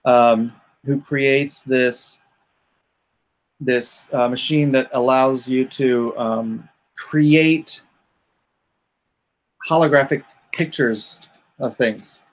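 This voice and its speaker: The recording is rough, capturing a man with a mid-range voice and steady tone. He's in an easygoing, unscripted conversation, haltingly laying out his creative project as he reaches for words.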